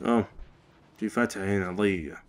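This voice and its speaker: Low-voiced man playing a game. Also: brisk. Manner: chatty, explains each step to viewers. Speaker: gamer. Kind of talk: casual let's-play commentary.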